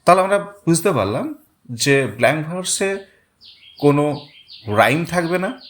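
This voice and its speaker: A man's voice: fairly high pitch, big pitch swings. A man teaching a literature lesson, explaining step by step and repeating words to show where the stress falls. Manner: reads English quotations very slowly. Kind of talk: Bengali-language literature lesson.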